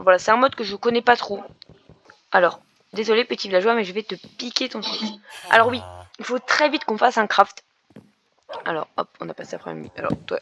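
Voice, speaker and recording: Chatty woman with a creaky voice. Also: mid-range voice, fairly bright tone. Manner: chatty, explaining as she plays, many fillers and restarts. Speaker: gaming YouTuber. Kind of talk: Minecraft let's play commentary.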